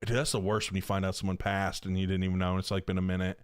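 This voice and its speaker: A man in his thirties chats casually while streaming a video game. His voice sits a bit low, and he talks in a loose, slangy way with plenty of filler words. The sound is dry and close. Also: flat delivery, racing, clear, resonant tone, no room sound. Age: 30s. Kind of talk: casual live-stream chat.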